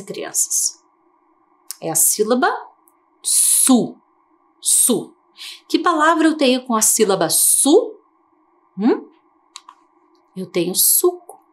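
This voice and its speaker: A woman teacher from Brazil giving a televised lesson to young children, slow and coaxing, asking many questions. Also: mid-range voice. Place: TV studio.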